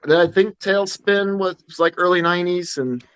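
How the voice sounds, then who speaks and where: This man's voice sits high, a bit bright and smooth, at a moderate pace. He's co-hosting a podcast in a loose, hesitant chat, often breaking off to begin a sentence again.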